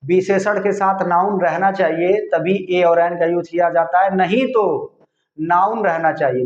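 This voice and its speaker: A man teaching English grammar in Hindi, explaining slowly and repeating himself, spelling words out letter by letter. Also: high-pitched. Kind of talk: Hindi-language grammar lesson. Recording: echoey room, slightly dull sound.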